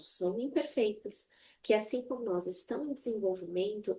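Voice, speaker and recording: A woman with a warm, medium-pitched voice speaks as a mentor and podcast guest in a motivational, conversational talk. She exhorts the listener directly, using emphatic repetition. The audio is poor, with slight background noise.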